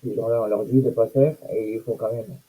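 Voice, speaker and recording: A man's voice: lowish voice, steady tone, moderate pace, dark tone, breathy edge, low-quality recording. A man giving casual, sarcastic commentary on news items and comments, with mocking asides.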